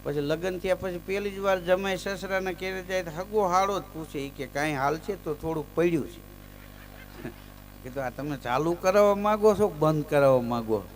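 A man telling folk stories live on stage. He chants verses loudly, then drops into easy chat and lands his punchlines. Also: a little high, normal speed, a little hiss or hum. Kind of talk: live folk storytelling with recited verse and jokes.

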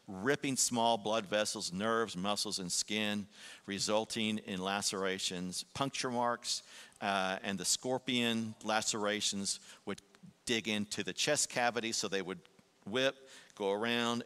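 A man preaching a sermon as a pastor, swinging between hushed, slow passages and emphatic, raised ones. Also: lowish voice, smooth. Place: church sanctuary. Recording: long hall reverb.

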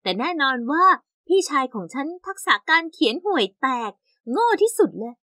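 A woman's voice: high-pitched, very animated, moderate pace, pushed and bright, no echo, studio quality, exaggerated voice. A woman doing a chatty, frank young woman.

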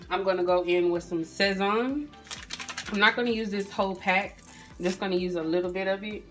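A woman vlogger walks her viewers through a recipe at home, recorded on a phone camera by the stove over soft background music. Her mid-range voice is a bit bright and moderately paced, and her chatty narration is peppered with "um", "you guys" and "y'all".

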